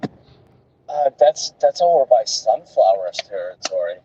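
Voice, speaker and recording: A man's voice: fairly low pitch, lively intonation, slow pace, warm tone, a little hiss or hum. A man from Illinois chatting casually and profanely while driving through the city, his voice coming through tinny and metallic. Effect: tinny, metallic-sounding audio. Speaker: streamer driving. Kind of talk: casual live-stream chat. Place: inside a vehicle on city roads. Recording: dull, tinny stream audio.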